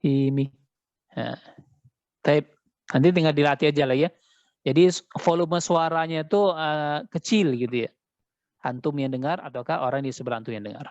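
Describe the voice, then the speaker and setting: Guy teaching quran reading online, slightly high voice, slow chanting then quick explaining, dull dry call audio. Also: a little mellow, no echo. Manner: demonstrates recitation slowly, then explains quickly. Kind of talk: online tajwid class teaching.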